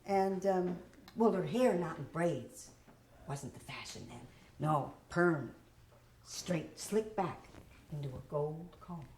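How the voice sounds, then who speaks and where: A woman in her sixties performing a one-woman stage show, telling her story in a wry, expressive way. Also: low voice, slow. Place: theater stage. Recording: roomy theater with faint hiss.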